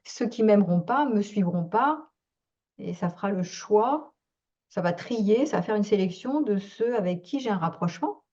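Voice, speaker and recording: A woman hosts a reflective talk in an earnest, musing manner. Her voice is mellow and warm. The recording sounds dull and lo-fi. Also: medium pitch, lively intonation, normal speed. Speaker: host, speaker. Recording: dull lo-fi audio.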